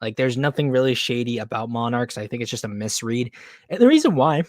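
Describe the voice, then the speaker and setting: A man's voice: medium pitch, expressive, fast, dry recording, studio quality. A man hosting a casual streamed podcast, rambling and talking in fillers and restarts. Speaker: podcast host.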